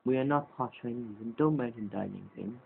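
A man's voice: medium pitch, fairly quick, gravelly, breathy edge. Teasing man in tinny gaming banter. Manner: teasing, bickering, stammering. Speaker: gameplay commentator. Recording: lo-fi, phone-like sound.

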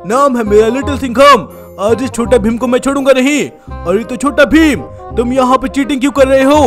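Swaggering kid cop hero, very high cartoon voice, catchphrase-heavy, as a man puts him on. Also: a little fast, fairly bright tone, soft background music. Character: brash young kid police hero. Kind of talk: gameplay voice role-play.

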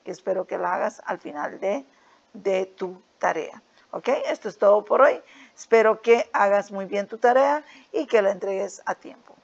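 A woman teacher patiently walking students through a worksheet, often checking in with little tag questions and sounding out English words slowly. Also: mid-range voice, creaky, dull audio. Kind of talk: recorded lesson explaining a worksheet.

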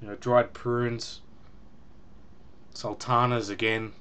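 A man's voice: medium pitch, little pitch movement, takes it slowly, fairly bright tone, smooth. A young man casually reviewing a beer at home on a webcam, chatty and rambling with ums and small laughs. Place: small room at home, indoors.

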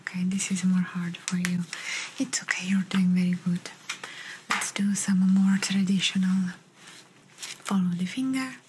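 A young woman playing a calm, encouraging Italian clinician in a whispered role-play, giving gentle step-by-step instructions in an Italian accent. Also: on the low side, a little slow, long pauses, background noise, lightly acted. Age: young adult. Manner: gentle step-by-step instructions with repeated short praise. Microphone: close ASMR microphone.

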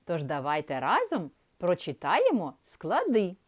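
Woman teacher talking to little kids, super slow, voice swoops way up and down, stretches out every sound. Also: on the low side, huge pitch swings, breathy edge. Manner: slow, sing-song, drawn-out sounds for children. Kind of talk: primary school literacy lesson.

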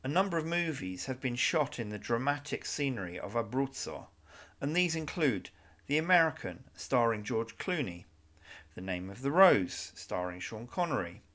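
A man giving scripted travel narration about a region, with light asides in a measured guide's delivery. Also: medium pitch, fairly bright tone.

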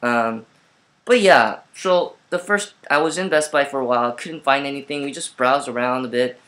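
Man, casual vlogger, bright tone, rambly with fillers, laptop webcam at home. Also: medium pitch, moderate pace. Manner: rambling, lots of fillers and restarts. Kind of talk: casual vlog storytelling.

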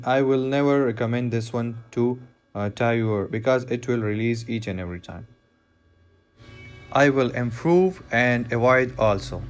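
Slow-talking man explaining knot tying. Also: mid-range voice. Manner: plain, repetitive step-by-step instructions with non-native phrasing. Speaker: fishing knot instructor. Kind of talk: hands-on tutorial voice-over.

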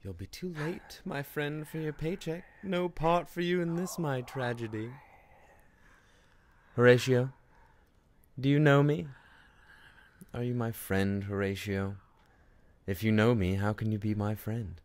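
A man's voice: mid-range voice, steady tone, a little slow, pauses often, close to an everyday voice. A man playing a bitter, tormented young prince Hamlet in a theatrical, brooding radio-play monologue that slips between whispers and outbursts. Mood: agitated. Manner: brooding, dramatic, sardonic, slipping into whispers and outbursts. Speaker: performer in a student radio play. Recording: noisy amateur recording with ambient effects.

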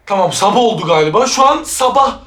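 A woman's voice: medium pitch, fast, echoey room. Jumpy, shrieking woman reacting to horror. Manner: jumpy and excitable, shrieking and nervous laughter; talks straight to viewers. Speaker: reaction video host. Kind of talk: reacting to a horror short film.

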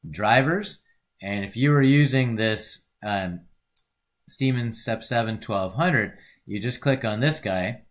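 A man with a fairly low voice talks through a computer tutorial in an easygoing way. He rambles a little and corrects himself as he goes. It sounds like an informal screen recording. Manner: rambling, self-correcting, relaxed. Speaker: instructor.

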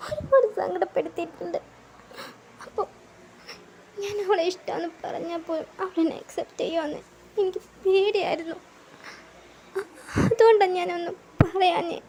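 A woman's voice: extremely high pitch, dark tone, a little hiss or hum, voice pushed up. A woman voicing a lovesick, tearful young man who stammers, pleads and breaks into sobs in a fan audio drama.

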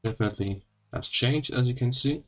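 A man hosting an informal coding tutorial in halting phrases, his speech a little odd and impeded after having his wisdom teeth out. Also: medium pitch, a bit bright, soft background music. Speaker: tutorial host.

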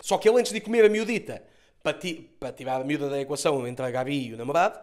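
Brief: male comedian, Lisbon accent, quick mocking recap, high bright voice, lots of cursing. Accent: Lisbon Portuguese. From Portugal. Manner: mocking, swears a lot, mimics characters. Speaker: comedian reviewing a TV series.

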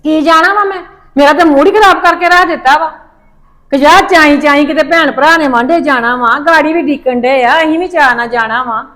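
A woman's voice: sits high, brisk, fairly bright tone. A middle-aged woman in a family drama, complaining and scolding in a long rant. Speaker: mother-in-law in a family drama. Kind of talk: Punjabi family drama acting.

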